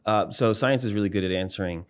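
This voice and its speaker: A man, a psychology professor and musician, explaining ideas in a relaxed interview, thoughtful, with frequent fillers and restarts. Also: fairly low pitch, fast talker, clear, resonant tone. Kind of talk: casual explanatory interview talk.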